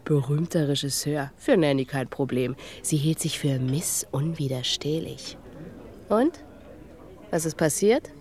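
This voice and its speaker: The actress speaks low and a little slowly as a sardonic, knowing ex-waitress from a bar in a German radio drama. The character is sharp-tongued and has seen a lot of the world.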